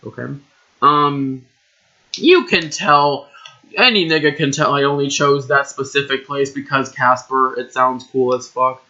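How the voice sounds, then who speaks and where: A man's voice: medium pitch, unhurried, pushed and bright. A young man reading his own old story aloud, breaking off for exasperated, cringing asides. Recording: dull lo-fi recording.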